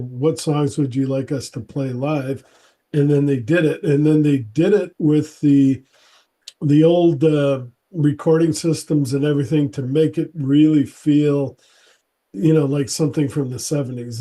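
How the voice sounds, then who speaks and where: Man, interview host, rambling, lots of fillers, mellow tone. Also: fairly high pitch. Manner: rambling, many fillers and restarts. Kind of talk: casual interview chat.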